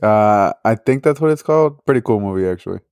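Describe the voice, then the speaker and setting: A man co-hosts a casual podcast, answering in a blunt, dry, laid-back way. His voice sits a little low, smooth and clear. The mic is close, with a dry sound and no room echo. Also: lively intonation, fast, darkish tone. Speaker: podcast co-host. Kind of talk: casual chat.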